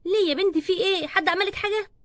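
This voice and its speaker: A woman with an Egyptian Arabic accent voicing a worried mother who coaxes her daughter and gently scolds her. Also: very high-pitched, very fast, no echo. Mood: coaxing. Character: worried, coaxing mother of a schoolgirl.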